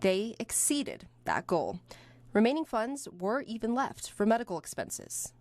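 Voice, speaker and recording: A woman reporter narrating a TV news feature story in a scripted, expressive way. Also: a little high, a little slow. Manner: lively, expressive storytelling delivery. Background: background music.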